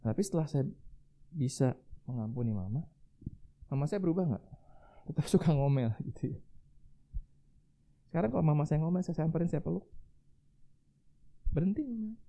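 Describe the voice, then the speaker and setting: A man's voice: fairly high pitch, creaky, dark tone. A man preaching a sermon in a conversational way, often turning to his listeners as friends. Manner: conversational, addresses listeners as friends, tags lines with "gitu ya". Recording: tinny phone-like sound.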